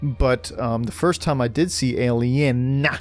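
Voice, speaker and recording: A man's voice: mid-range voice, a little slow, soft background music. A man hosting a casual podcast, rambling through filler words and joking at his own expense. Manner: rambling, filler-heavy, self-mocking. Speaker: podcast host.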